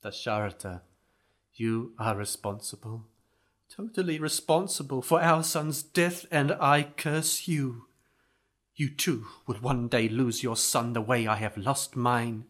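An elderly sage in mourning, solemn and unyielding, put on by a man. His voice sits mid-high and stays grave. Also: slow, a bit bright. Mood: stern. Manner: stern and solemn. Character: grieving elderly sage father, man, unforgiving.

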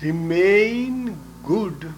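A man speaking as a spiritual teacher, delivering a solemn, measured devotional message. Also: sits high, lively intonation, lo-fi sound, slight background noise. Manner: solemn, measured, deliberate recitation.

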